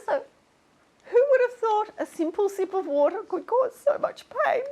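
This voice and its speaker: High-voiced self-obsessed tv host lady, played by an actress, syrupy and dramatic, takes her sweet time. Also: expressive, takes it slowly. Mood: mock-tearful. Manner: theatrical, syrupy and self-pitying. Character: vain self-absorbed female talk-show host. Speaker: talk-show host. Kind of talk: comic sketch acting.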